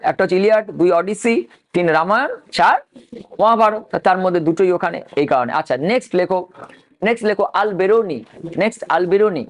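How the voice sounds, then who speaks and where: Man dictating a history lecture. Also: sits high. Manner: dictates terms letter by letter, asks and answers own questions. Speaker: history teacher. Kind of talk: online exam-prep lecture.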